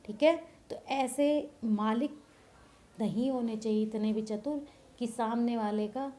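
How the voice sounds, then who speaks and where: A woman's voice: a little high, unhurried, dark tone, low-quality recording. A woman teacher explaining a text line by line, patiently asking questions and answering them herself in a classroom-lesson style. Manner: patient, asks and answers her own questions.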